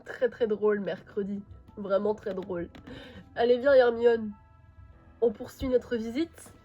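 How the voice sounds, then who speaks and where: A woman voicing a relaxed, teasing teenage boy who is curious about monsters, in an amateur fan voice drama. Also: on the high side, measured pace, highs cut off, faint music behind. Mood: casual.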